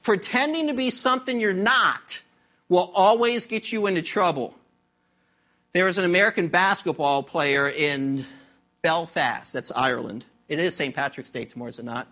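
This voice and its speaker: A man's voice: high-pitched, normal speed. A middle-aged man preaching a sermon as pastor, telling stories with humor and acting out voices. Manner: animated storytelling with acted-out voices and humor.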